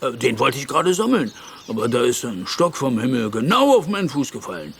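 A man voicing a big, good-natured male bear who talks slowly and rambles. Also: mid-range voice, sing-song, gravelly, slight background noise. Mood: kindly.

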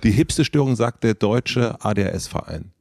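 A man with a very deep, gravelly voice, chatting on a podcast. His tone is dark and relaxed, and he talks thoughtfully and asks questions. The recording is dry and close. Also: unhurried, dry recording. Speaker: podcast co-host. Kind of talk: casual chat.

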